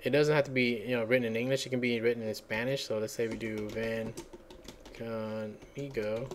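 Casual tutorial host, male, mid pitch, rambling, talks while typing. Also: flat delivery, quick pace, a little hiss or hum. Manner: rambling, thinks aloud and searches for words. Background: computer keyboard typing.

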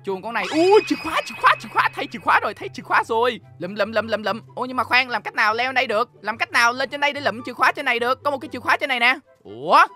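A young man with a Southern Vietnamese accent rattles through let's-play commentary at a rapid clip. His voice is bright and tense, and he keeps up an excitable, teasing patter with his viewers while faint game music plays underneath. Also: extremely high pitch. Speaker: gaming YouTuber.

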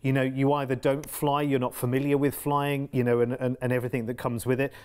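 Man, English accent, TV shopping co-host, upbeat sales patter, medium pitch. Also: little pitch movement, a little fast, a little mellow, clean tone. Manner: upbeat sales patter, repeats words for emphasis. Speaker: cruise sales presenter. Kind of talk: TV shopping channel presenting.

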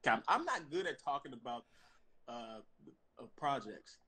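Brief: easygoing male guest, mid-pitch, dry wit, pauses and restarts. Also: big pitch swings, bright, forceful tone. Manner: laid-back, halting, dry humor. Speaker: guest actor. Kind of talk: casual interview.

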